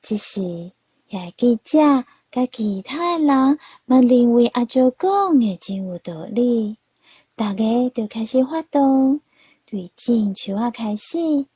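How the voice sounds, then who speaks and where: A woman telling a children's story, slow and gentle, in a fairly high but mellow voice with a husky grain. The recording is dry and close. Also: lively intonation, dry recording.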